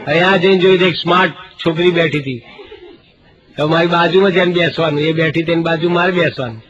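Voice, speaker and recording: A middle-aged man spins comic stories in a high voice, slipping into other people's lines and reciting couplets. The sound is muffled and lo-fi, like a radio broadcast of a live show. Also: quick pace, a bit bright. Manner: jokey anecdotal delivery, acting out dialogue, reciting couplets. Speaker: stand-up comedian. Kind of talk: Gujarati stand-up comedy storytelling.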